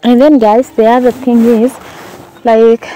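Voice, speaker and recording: A young woman vlogger with a Kenyan accent chats casually to her viewers at a busy outdoor village market at dusk, asking them questions and using plenty of fillers. Her voice is fairly high, dark and flat, and a little slow. There's slight background noise.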